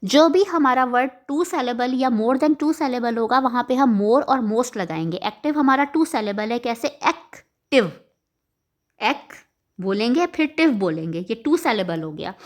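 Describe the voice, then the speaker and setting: A woman, voice sitting a little high for a woman, teaches grammar for an exam. She walks through each answer step by step, keeps checking in with her listeners, and stops to correct her own mistakes. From Pakistan. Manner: explains step by step, often checks with "ठीक है" and corrects herself mid-lesson. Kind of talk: exam-prep grammar lesson.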